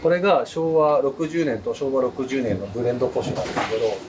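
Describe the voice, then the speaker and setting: A man's voice: mid-range voice, brisk, background noise. A man from Kagoshima who runs a small izakaya. He eagerly explains his dishes and drinks, with frequent fillers. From Kagoshima, Japan. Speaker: restaurant owner. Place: busy small izakaya, indoors.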